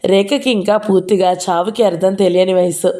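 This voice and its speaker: A woman reading a novel aloud in a steady, even storytelling voice. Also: medium pitch, normal speed.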